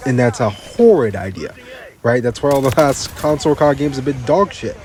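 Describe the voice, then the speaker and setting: A man's voice: medium pitch, lively intonation, normal speed, darkish tone. A man giving casual gaming commentary, ranting bluntly and repeating himself, a bit tired, with faint game sounds behind him.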